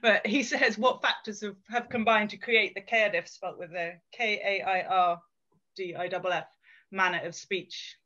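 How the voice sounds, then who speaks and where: A man's voice: sits high, fairly even intonation, unhurried, sharp tone. A man chairing an academic panel on a video call, reading out audience questions in an informal, self-deprecating way. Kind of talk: moderating a panel. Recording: dull lo-fi sound.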